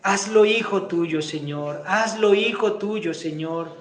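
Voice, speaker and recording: High-pitched pastor guy preaching slow, echoey church room, gets loud then prays soft. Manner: preaching with rising emphatic bursts, then quiet fervent prayer. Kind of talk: sermon and spoken prayer.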